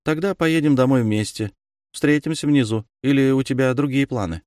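A man voicing a confident, brisk teenage girl of noble birth. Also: mid-range voice, darkish tone, dry recording, clean studio sound, voice pushed up, natural voice. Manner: brisk, self-assured.

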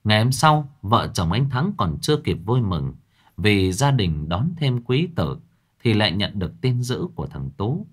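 Man with lively horror narration. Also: on the low side, unhurried. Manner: dramatic, lively storytelling. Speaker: storyteller.

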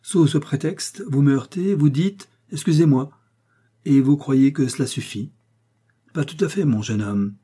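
A man's voice: fairly low pitch, brisk, mellow, lightly acted. A man reading an audiobook, voicing a proud, wounded male musketeer who speaks with haughty menace. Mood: scornful.

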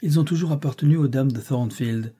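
A man's voice: mid-range voice, brisk, warm tone, husky, natural voice. A man reading aloud and voicing an ardent, commanding middle-aged master in a classic novel.

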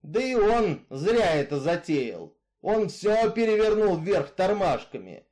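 A man voicing a bitter, brooding male outlaw killer in a read-aloud story, in a rough folksy way of talking. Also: high-pitched, very animated, a little slow, a little mellow, voice pushed up. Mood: fervent. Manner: rough folksy drawl, brooding, growling at times.

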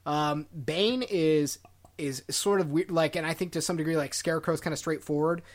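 A man hosting a film podcast, talking in a quick, exasperated and sarcastic way. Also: on the high side, fairly even intonation. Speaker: podcast host. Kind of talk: casual film discussion.

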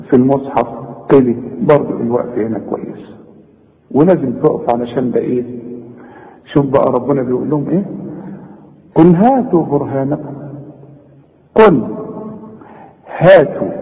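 A man with an Egyptian accent giving an informal recitation lesson, quizzing the listener and drawing out example words slowly. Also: mid-range voice, dark tone, long reverb tail, dull audio. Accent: Egyptian Arabic. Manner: coaching the listener with questions and slow drawn-out recited examples. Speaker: Quran recitation teacher.

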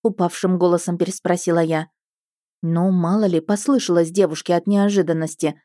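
A woman narrating an audiobook in the first person, expressive and wry. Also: fairly low pitch, brisk, no echo, clean studio sound.

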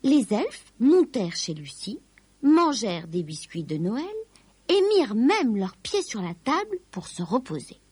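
A woman reading a children's story aloud in a slow, expressive, lilting way. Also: on the high side, slightly rough, no echo.

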